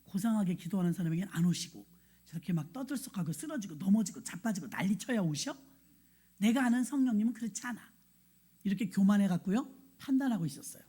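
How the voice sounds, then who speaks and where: A woman pastor preaches a sermon in a church sanctuary, telling a personal story and animatedly acting out scenes and her own quoted thoughts. Her medium-pitched voice is husky, and she talks fast.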